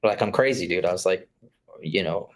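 A laid-back man in his thirties from Florida, USA, talks casually as a guest filmmaker over a video call, his speech full of fillers. His voice sits low and moves at a moderate pace. He's in a room with a curtained window.

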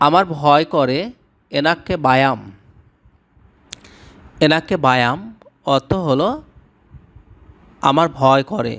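A man who speaks Bengali as his first language, giving a scripted language lesson and slowly repeating each word with its meaning. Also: mid-range voice, fairly bright tone. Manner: slow, repetitive word-by-word drilling. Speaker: language teacher.

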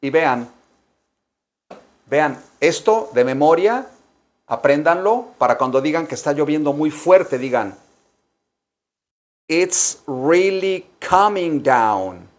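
Slow, patient man teaching English. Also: a little high, lively intonation. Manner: drills phrases slowly, switching between Spanish explanations and English examples. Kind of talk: slow, repetitive language lesson.

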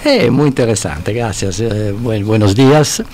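A man's voice: lowish voice, a little slow, darkish tone. A middle-aged man from Italy speaking Spanish with a northern Italian accent, a guest in a studio interview, searching for words with many restarts. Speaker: guest expert. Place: indoor radio studio with bookshelves. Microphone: studio mic on stand.

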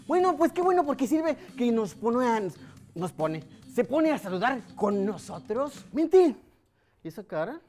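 A woman with a Mexican accent hosting a children's TV show in an animated, playful and teasing way. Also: a little high, unhurried, soft background music. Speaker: children's TV host.

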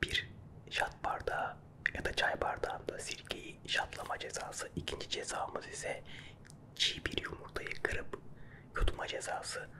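A man doing playful ASMR chat in a quiet, hushed late-night whisper. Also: measured pace. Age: 30s. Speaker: ASMR creator and game contestant. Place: small dim room at a desk, indoors. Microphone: close microphone with furry windscreen.

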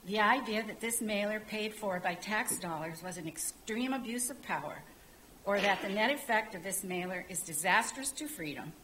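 A woman's voice: mid-range voice, animated, moderate pace, a bit bright, a little hiss or hum, rough recording. Older woman reading a prepared statement. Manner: formal, reads a prepared statement. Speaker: public commenter. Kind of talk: public comment at a council meeting. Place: council chamber, standing at a podium. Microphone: podium microphone.

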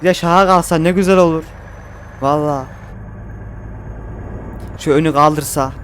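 A man with a high voice reacts loudly to a driving game, exclaiming and cursing at every mishap. His speech is a bit thick from a numbing dental injection, and a faint hum sits behind him. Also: normal speed. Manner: excitable, swears and exclaims at the game. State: numb mouth after dental injection. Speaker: gaming streamer. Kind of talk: casual gameplay commentary.

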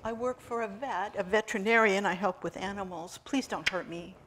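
A woman's voice: medium pitch, fairly even intonation, fairly quick, fairly bright tone, close to an everyday voice. A woman voicing a frightened young vet assistant who pleads and rambles nervously. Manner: timid, pleading.

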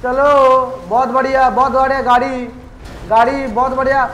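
High-pitched excitable gamer guy. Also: moderate pace, roomy sound, slight background noise, poor audio. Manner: excitable, trash-talking, swears at rivals. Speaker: gaming YouTuber. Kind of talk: live gameplay commentary.

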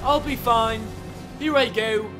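A man voicing a bumbling, boastful ship captain in a comedy machinima, talking in an excitable, rambling way and breaking into yelps. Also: very high-pitched, slow, music in the background. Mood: blustering.

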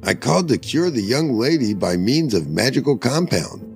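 A man's voice: mid-range voice, sing-song, moderate pace, vocal fry, pitched above the performer's own voice. A man voicing a poor, proud glassblower who speaks earnestly and eagerly, over faint music.

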